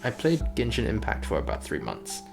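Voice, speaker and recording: With music in the background, a man livestreams his game development work, casually rambling and thinking aloud. He has a fairly low, gravelly voice with wildly swooping pitch, going a little fast.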